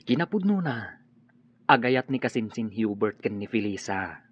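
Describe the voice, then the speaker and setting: An easygoing Ilocano gentleman in a radio drama, matter-of-fact and confiding. His lowish voice is a little rough, in dull sound over faint music. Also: sing-song, normal speed, dry recording.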